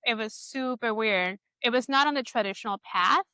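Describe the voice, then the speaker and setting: A product designer from Ecuador in her thirties appears as an interview guest, telling personal stories in a casual conversation. Her voice is high, bright and clear at a normal speed, and she speaks informally, scattering "like" and quoted inner thoughts throughout. There's no room sound.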